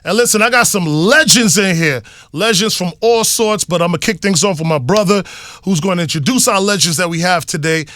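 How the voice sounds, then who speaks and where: A man from New York hosting a casual hip hop radio interview in his studio, hyped and quick to affirm his guest. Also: sits high, fairly bright tone, no echo. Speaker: radio host.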